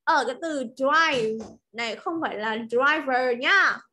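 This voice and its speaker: Bright slow-speaking Vietnamese-accented woman teacher. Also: high voice. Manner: slow drilled modelling of words, then quick explanations. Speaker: English pronunciation teacher. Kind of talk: online class teaching. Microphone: video call.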